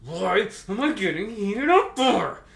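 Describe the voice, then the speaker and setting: A man with a high, fairly bright voice and big pitch swings reads fan fiction aloud in an unhurried, mock-dramatic way, with vocal fry. As a co-reader, he adds comedic commentary and joking banter. The room is echoey, with faint background noise.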